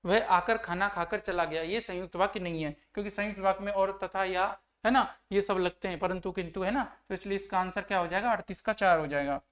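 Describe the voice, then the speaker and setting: A man's voice: high-pitched, fast, few pauses, fairly bright tone. A man teaching a grammar lesson, who keeps asking his students questions to check they follow and acts out the example sentences. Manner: explains by acting out example sentences. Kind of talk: online exam-prep lesson.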